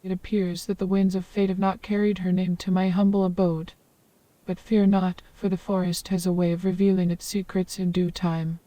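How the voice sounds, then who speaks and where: A woman's voice: fairly low pitch, flat delivery, normal speed, mellow, dry recording, lightly acted. Ai woman voice doing a long-winded old hermit lady, ornate talk, dry sound, kinda far from the mic. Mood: calm, flowery. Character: wise old hermit woman of the forest, flowery.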